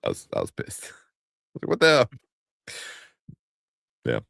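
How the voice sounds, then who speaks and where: Casual male co-host, deep voice, close dry mic, laughs a lot. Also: wildly swooping pitch, unhurried, gravelly, fairly bright tone, dry recording. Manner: laughs often, loose and rambling. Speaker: podcast host. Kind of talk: casual chat.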